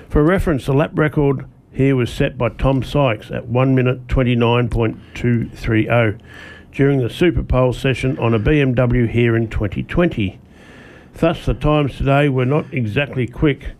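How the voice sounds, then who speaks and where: A man's voice: mid-range voice, darkish tone. An Australian man co-hosting a radio motorsport show, reading a scripted report aloud from his notes and stumbling now and then. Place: radio studio.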